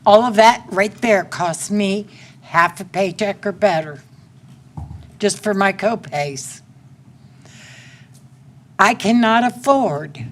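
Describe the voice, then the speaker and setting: A woman in her sixties with a Central Texas accent, pleading plainly during public comment at a city council meeting, speaking into a podium microphone. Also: mid-range voice. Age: 60s.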